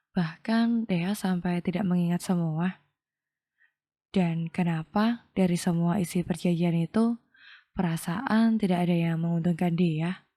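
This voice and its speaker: A woman tells a romance story aloud in a calm, measured way. Her voice sits low, with a dark, warm tone. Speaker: narrator. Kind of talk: scripted audio novel narration.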